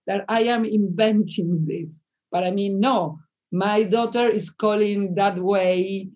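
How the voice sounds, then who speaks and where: A woman from Argentina, a native Spanish speaker, talks in English at a slow pace. She often gropes for words and restarts her sentences. Her voice comes over a video call in a webinar. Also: medium pitch, a little mellow. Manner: searching for words, frequent restarts. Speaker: panel guest writer. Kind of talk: webinar discussion.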